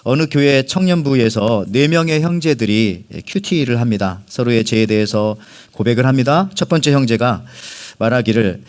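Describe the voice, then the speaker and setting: Joking pastor preaching a sermon. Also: male voice, medium pitch, lively intonation, normal speed. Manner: humorous storyteller, addresses the congregation directly. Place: church sanctuary.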